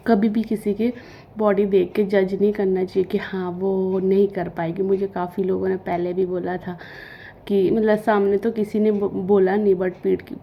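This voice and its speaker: A woman's voice: mid-range voice, gravelly, highs cut off, slight background noise. A young woman telling her childbirth story in casual, rambling talk with many fillers and restarts, a week after giving birth. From Himachal Pradesh. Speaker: vlogger.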